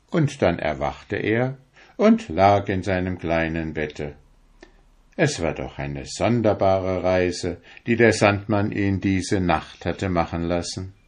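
A man narrating a fairy tale as a storybook reading, as a lively storyteller. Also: deep voice. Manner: lively storyteller, voices the animals.

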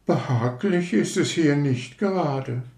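A vain, self-important rocket from a storybook, voiced by a man, talking in an affected, pompous way. The voice sits noticeably higher than a plain low male voice. There is a clear roomy echo around it. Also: slow pace, darkish tone. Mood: fussy.

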